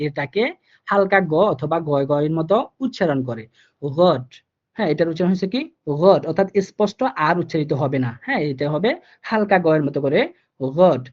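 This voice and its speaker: A man's voice: fairly high pitch, a little mellow, dull audio. A man teaching German in during a live online class, explaining step by step and repeating himself with many fillers.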